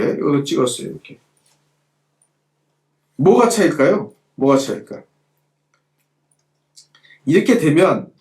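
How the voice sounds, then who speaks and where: Animated man teaching calligraphy, echoey room. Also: on the high side. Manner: animated, repetitive, rhetorical questions to students. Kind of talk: hands-on lesson while demonstrating.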